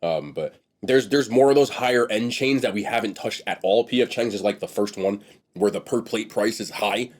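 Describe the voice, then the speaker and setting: A young man films a casual mukbang food review, speaking at a moderate pace in a lowish, darkish voice. A blocked nose makes him sound sniffly and nasal, and his blunt chatter tends to trail off into restarts.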